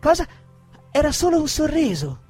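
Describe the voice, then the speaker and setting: A man's voice: very high voice, huge pitch swings, moderate pace, soft background music, exaggerated voice. An actor playing a raging abusive man. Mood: furious, contemptuous. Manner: swings from shouting insults to cold menace. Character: abusive aggressive man berating a woman. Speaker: actor reading a monologue. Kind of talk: dramatic reading.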